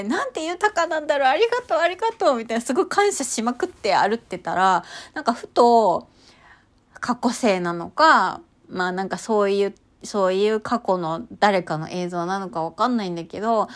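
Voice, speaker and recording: A woman talking casually and chattily about her walks and inner experiences, with many fillers and sudden excited outbursts. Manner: chatty, animated, bursts into high excited exclamations; many fillers, lots of sentence-final さ. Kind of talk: casual spiritual chat.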